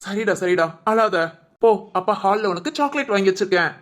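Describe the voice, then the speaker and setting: A patient young husband and father, soothing and hopeful, as a woman acts him out. He talks quickly in a middle-pitched voice, gently pleading in a homespun storybook drama. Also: animated, natural voice. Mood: gentle.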